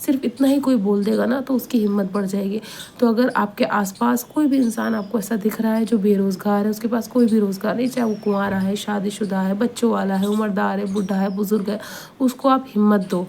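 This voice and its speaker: A woman's voice: medium pitch, steady tone, creaky, darkish tone, slight background noise. A woman giving an Islamic motivational advice talk, earnest and repetitive, pleading with listeners and often checking they agree. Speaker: advice speaker.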